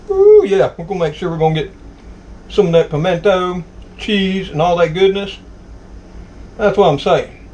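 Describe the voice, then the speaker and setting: A man's voice: sits high, a little mellow, a little hiss or hum, poor audio. A man with a Southern US accent hosting a casual home cooking vlog, folksy and exclamatory as he savors his food. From Southern United States. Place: home kitchen.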